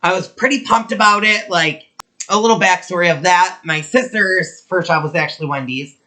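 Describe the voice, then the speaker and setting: A man's voice: sits high, moderate pace, sharp tone. A young man co-hosting a podcast, chatting casually and telling a story with lots of fillers. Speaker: podcast co-host. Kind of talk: casual chat.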